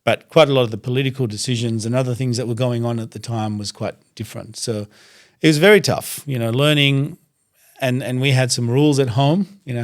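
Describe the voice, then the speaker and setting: A young man from Iraq whose first language is Arabic, speaking as a guest in a studio interview. His voice sits in an ordinary middle register, and he talks in a steady, thoughtful way, pausing often as he recalls things. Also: medium pitch. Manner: thoughtful, measured, pauses to gather words. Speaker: guest, doctor and reciter. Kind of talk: conversational interview.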